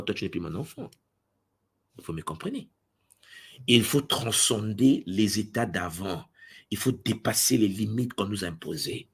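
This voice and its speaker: Brief: husky male spiritual teacher, lively swooping delivery, mimics others' voices in asides. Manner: swings from booming exclamations to low intimate asides. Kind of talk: impassioned spiritual address to followers.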